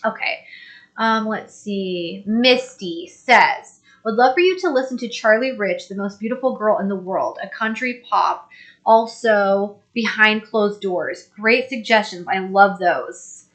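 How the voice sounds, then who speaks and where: A woman's voice: mid-range voice, measured pace, fairly bright tone. A young woman co-hosting a casual live stream, reading viewer comments aloud and laughing easily. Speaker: co-host reading live chat.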